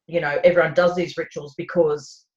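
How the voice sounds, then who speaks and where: A woman's voice: low voice, flat delivery, moderate pace, a little mellow, highs cut off. A woman talking as an interview guest, musing aloud with lots of fillers. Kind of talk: casual conversational interview.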